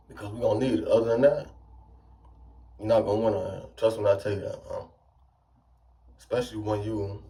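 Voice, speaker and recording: Man preaching casually, mellow and distant. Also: fairly low pitch. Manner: conversational preaching, repeats "you see what I'm saying". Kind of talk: informal sermon.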